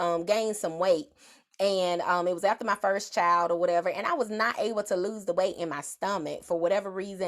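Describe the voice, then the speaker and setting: A woman with a Southern US accent hosting a live stream, giving a loud, folksy, conversational motivational talk. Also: medium pitch. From Southern United States.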